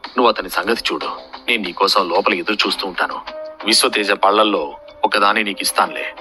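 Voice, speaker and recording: Sly scheming young warrior woman voiced by a man, plain read-aloud delivery, low voice, storybook tone. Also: fairly quick, over music, natural voice.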